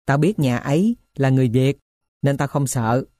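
A woman voicing a poor middle-aged male thief who tells his story in a rough, blunt way. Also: a bass voice, normal speed, mellow, no room sound, clean studio sound. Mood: gruff.

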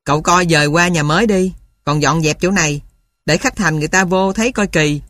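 A woman's voice: fairly low pitch, fairly quick, a bit bright, close to an everyday voice. A woman voicing a fussy, easily riled older village man, grumbling and scolding.

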